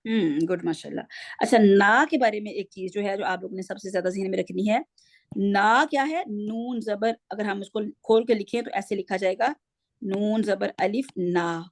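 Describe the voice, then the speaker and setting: A woman's voice: mid-range voice, dry recording, clean studio sound. A woman teaching a Quran reading class online, patiently correcting her students step by step and speaking into a computer mic on a video call.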